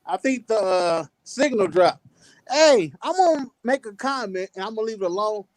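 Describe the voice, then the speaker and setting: A man's voice: high-pitched, expressive, moderate pace, no room sound, low-quality recording. A man in his late forties speaking as a guest on a casual panel chat, plain-spoken and reflective, drawing his words out. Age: 40s.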